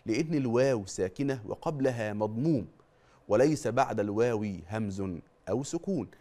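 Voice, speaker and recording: A man's voice: medium pitch, lively intonation, mellow. Egyptian man teaching Quran recitation. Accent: Egyptian Arabic. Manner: poses questions and answers them himself; draws out example words slowly to demonstrate. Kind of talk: religious TV lesson.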